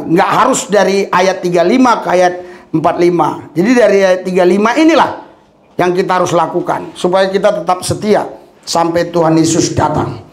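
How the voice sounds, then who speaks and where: A man preaching at a church service with a fairly high voice that rings through a roomy, echoing hall. He talks animatedly, tells stories, laughs often and breaks into hallelujahs. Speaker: pastor. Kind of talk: sermon with personal stories.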